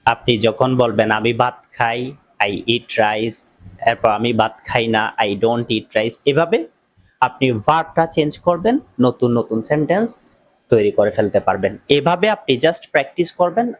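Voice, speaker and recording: A man giving an English lesson to workers abroad. He says each English phrase very slowly and deliberately, then speeds up a little to explain. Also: medium pitch. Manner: very slow and deliberate on the English phrases, chattier and faster in between. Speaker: English teacher. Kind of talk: slow spoken English lesson.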